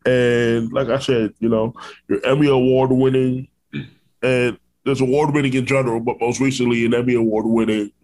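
A man's voice: medium pitch, flat delivery, normal speed, darkish tone, rough recording. A man born in Brooklyn and raised in Orlando, hosting a podcast interview, earnest and affirming, with frequent fillers. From born in Brooklyn, New York, raised in Orlando. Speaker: podcast host. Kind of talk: conversational interview.

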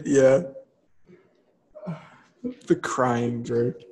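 A man's voice: medium pitch, very slow, darkish tone. A young man hosting a podcast, chatting casually and laughing often, with lots of fillers as he trails off. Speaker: podcast host. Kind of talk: casual chat.

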